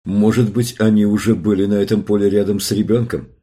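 A man reading a novel aloud as an audiobook narrator, telling a tense scene in a steady voice. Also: lowish voice, fairly quick. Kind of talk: scripted narration.

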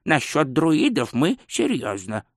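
A man's voice: a little high, sing-song, moderate pace, no room sound, studio quality. A man voicing a nervous, fussy court astrologer in an audiobook, hesitant and pedantic. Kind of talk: audiobook character voice.

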